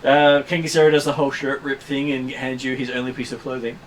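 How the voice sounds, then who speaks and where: A man's voice: medium pitch, flat delivery, fast talker, rough recording. Hesitant male game master, faint background noise. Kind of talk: running a tabletop role-playing game. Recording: faint room hum and noise.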